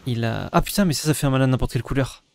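A man co-hosting a card-game stream in casual chat, animated and self-mocking as he plays. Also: mid-range voice, rapid-fire, vocal fry. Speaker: co-host, player.

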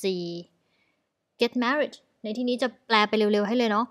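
Thai woman teaching vocabulary, brighter pitch. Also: unhurried. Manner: explains in Thai, mixing English words, with many particles. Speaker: English teacher. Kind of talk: online English vocabulary lesson.

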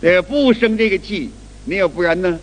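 A man's voice: sits high, moderate pace. A man giving a spoken qigong lecture who acts out little everyday scenes and repeats and restarts his phrases. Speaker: qigong teacher. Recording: long hall reverb.

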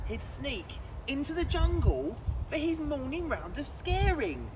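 Animated young man reading stories, noisy outdoors. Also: very high voice. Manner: expressive, projected storytelling with dramatic pauses. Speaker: children's story presenter. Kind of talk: animated picture-book read-aloud for children. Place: outdoors in woods, standing. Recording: outdoor recording with clear background noise.

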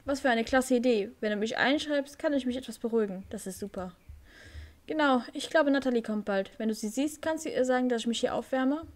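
Woman reading anxious young male rider, game dialogue, fretful, slightly high voice. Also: brisk, lightly acted. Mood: nervous. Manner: reads game text aloud with small slips.

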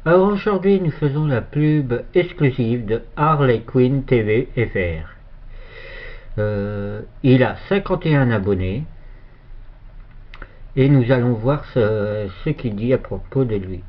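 A man giving a casual, hesitant shoutout for another channel while filming his computer screen, with many fillers and restarts. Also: mid-range voice, animated, slow. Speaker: youtuber. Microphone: phone filming a monitor. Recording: dull lo-fi phone recording.

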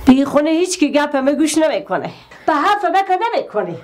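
A nagging, superstitious family elder. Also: female voice, high voice, sing-song, slight background noise. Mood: scolding. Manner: scolding, lecturing. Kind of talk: sitcom acting.

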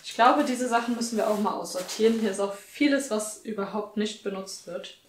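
A woman in her twenties, vlogging about her lifestyle, speaks fairly quickly at a medium pitch while listing chores around her small apartment. She's chatty and cheerful, addressing the camera indoors in a bright room, and a slight hiss or hum sits under her voice.

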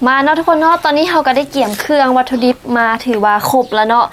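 A woman's voice: high voice, quick pace, a little hiss or hum. A Lao woman from southern Laos hosting a cooking vlog, chatting casually and teasingly with viewers while she cooks outdoors.

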